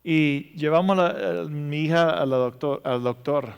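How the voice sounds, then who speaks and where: A man preaching a sermon, telling emotional stories and swinging between loud passages and hushed ones. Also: fairly high pitch, a little slow, smooth. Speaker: pastor. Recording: reverberant hall.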